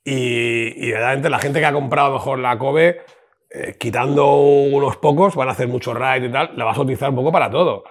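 A man co-hosting a casual chat about motorcycles, animated and prone to repeating words. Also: medium pitch, brisk. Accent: Spanish. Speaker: motorcycle shop co-host.

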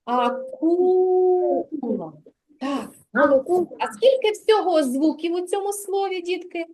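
A woman teaching a literacy lesson to preschool children in a kindergarten classroom, speaking clearly and drawing out words so the children can follow. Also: very high-pitched, normal speed, a little mellow.

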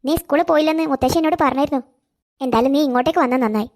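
A woman's voice: high-pitched, racing, pitched below the performer's own voice, natural voice. Woman doing a kindly motherly neighbor lady. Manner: warm coaxing, calls the girl dear. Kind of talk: cartoon voice acting.

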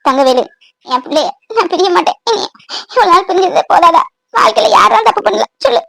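A woman's voice: very high voice, lively intonation, fairly quick, creaky, fairly bright tone, no room sound, full character voice. A woman voicing a wise old grandmother. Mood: wise, tender. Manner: scolding yet tender, preachy. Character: elderly grandmother, forgiving and wise. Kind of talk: cartoon voice acting.

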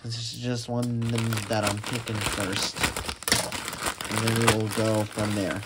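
A man giving casual unboxing commentary as a radio collector, talking in a halting way with many restarts and fillers. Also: on the low side. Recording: steady background noise with packaging crinkles and clicks.

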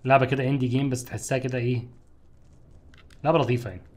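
A young man with an Egyptian Arabic accent giving casual, jokey commentary while he streams a game, with loud outbursts at scares. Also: medium pitch, steady tone, rapid-fire. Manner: jokey, exclaims loudly at scares.

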